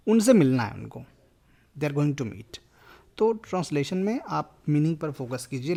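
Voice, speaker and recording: A man's voice: a little high, vocal fry, a little mellow. A man teaching a language lesson, explaining grammar in a mix of Hindi and English.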